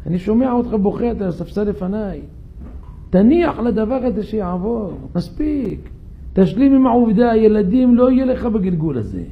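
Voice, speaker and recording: A man's voice: sits high, lively intonation, gravelly, phone-quality sound, pitched above the performer's own voice. A man voicing an exasperated middle-aged businessman who lectures a friend, in a sermon story. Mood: pleading, lecturing. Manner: lecturing, pleading.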